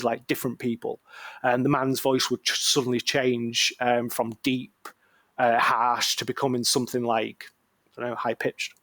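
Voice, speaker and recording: A man's voice: mid-range voice, creaky, a bit bright, dry recording. A man co-hosting a podcast and telling a case story in a rambling, slangy, jokey way, full of ums. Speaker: podcast co-host. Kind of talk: casual podcast chat.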